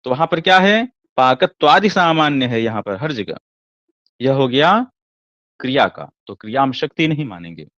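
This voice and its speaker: A man's voice: medium pitch, sing-song, normal speed, fairly bright tone, no room sound. A man teaching classical Sanskrit poetics in a lecture, asking rhetorical questions and answering them himself. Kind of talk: explanatory lecture. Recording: dull lo-fi dry recording.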